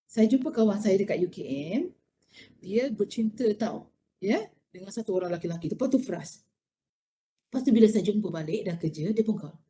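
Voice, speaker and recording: A middle-aged Malaysian woman giving an expressive motivational university lecture, mixing Malay and English with many rhetorical questions. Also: mid-range voice, fairly quick.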